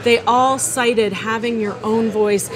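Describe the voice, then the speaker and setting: A woman's voice: a little high, steady tone, slow pace, a crowd in the background. A woman reporter who interviews and explains in a friendly way and laughs easily.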